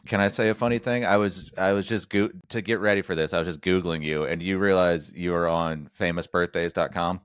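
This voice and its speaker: A man's voice: sits low, fairly even intonation, fairly quick, few pauses, clear, resonant tone, dry recording, studio quality. A man hosting a podcast, chatting casually with lots of jokes, fillers and restarts. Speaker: podcast host. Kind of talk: casual interview chat.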